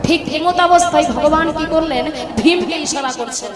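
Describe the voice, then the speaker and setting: A woman kirtan singer telling a devotional story in an animated way and addressing the audience directly. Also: high-pitched, normal speed. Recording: echoey stage with loud music.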